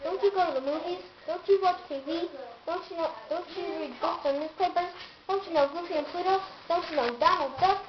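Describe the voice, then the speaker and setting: Woman playing a high, excitable cartoon duck, hot-tempered and loud, storybook reading in a roomy room. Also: a little fast, hardly any pauses, lightly acted. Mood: exasperated. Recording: roomy, dull, noisy home recording.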